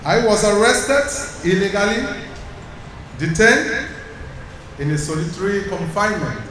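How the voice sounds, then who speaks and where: A high-voiced man speaks slowly and deliberately, like someone reading a prepared testimony. His voice reaches the mic from across a large, very echoey church. Steady background noise sits under his words. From Cameroon. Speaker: congregant sharing a testimony. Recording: echoey hall from far off, noisy.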